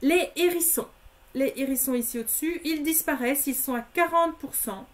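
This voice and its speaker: A woman's voice: high voice, normal speed. A woman presenting craft products in a live stream, methodically listing discounts and prices and speaking familiarly to her viewers.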